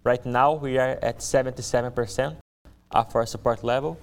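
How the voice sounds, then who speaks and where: A young Brazilian man whose first language is Portuguese speaks English with a heavy Brazilian Portuguese accent. At a church service, he describes his missions work to the congregation in an earnest, friendly manner, picking his words carefully. His voice is smooth, clean, and mid-pitched, with a steady tone and moderate pace.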